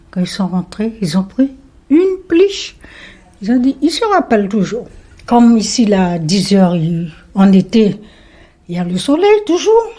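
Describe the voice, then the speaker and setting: A woman, telling her life story in a lively way and acting out what people said. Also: medium pitch. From French Guiana. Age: 70s. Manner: lively storyteller who acts out remembered dialogue. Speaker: interviewee.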